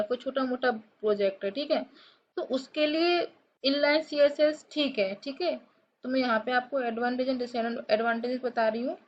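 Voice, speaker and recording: A woman teaching a programming lesson while she codes on screen, explaining step by step and checking in often with her viewers. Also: fairly high pitch. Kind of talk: screen-recorded coding tutorial. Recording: dull lo-fi mic, faint hiss.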